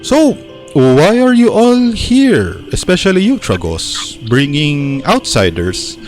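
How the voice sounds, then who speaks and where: A man voicing a wise old forest-dwelling elf elder who speaks in a measured, solemn way. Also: on the high side, big pitch swings, darkish tone, soft background music, pitched above the performer's own voice.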